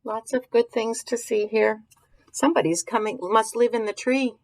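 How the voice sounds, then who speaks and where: With a fairly high, steady, somewhat dark voice at a moderate pace, a woman reads a picture book to young children. She stops along the way to pose questions, wonder aloud, and explain things in simple terms. The audio is poor.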